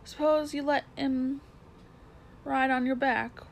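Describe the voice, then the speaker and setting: A woman's voice: sits high, flat delivery, takes it slowly, gravelly, slight background noise, pitched above the performer's own voice, exaggerated voice. A woman voicing a plain-spoken London cabman with a Cockney accent, dropping his h's. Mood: earnest. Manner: h-dropping, earthy and blunt.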